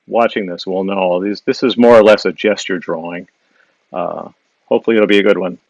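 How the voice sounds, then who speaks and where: A Wisconsin illustrator with a Wisconsin accent and a lowish voice with vocal fry thinks aloud while sketching during a casual live-stream drawing demo, reading out viewer questions and answering them. He uses frequent fillers and restarts. The device mic on the live social video stream gives a dry, low-quality recording with no room sound.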